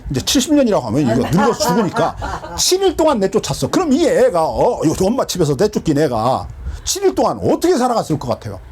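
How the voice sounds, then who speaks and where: A man's voice: sits high, wildly swooping pitch, quick pace, a little mellow, husky. A man teaching from the Bible as a pastor, asking his listeners questions and answering them himself.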